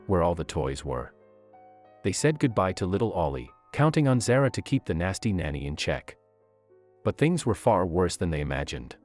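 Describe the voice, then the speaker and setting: A man's voice: sits low, darkish tone. A man giving scripted storytelling narration, leaning on key lines with dramatic emphasis.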